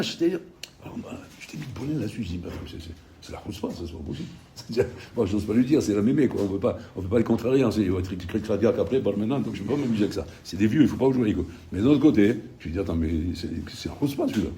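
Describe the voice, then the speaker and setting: A man's voice: medium pitch, slight background noise. A middle-aged man teaching a Torah class in French, mixing in Hebrew terms and telling stories with many restarts. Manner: rapid, repetitive, animated storytelling with many restarts. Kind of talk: recorded Torah lecture with anecdotes.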